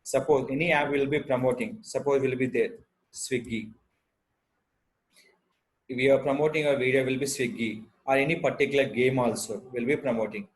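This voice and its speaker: A man with an Indian Telugu accent presents an unscripted step-by-step software tutorial in halting, repetitive instructional phrases. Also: medium pitch, rough recording.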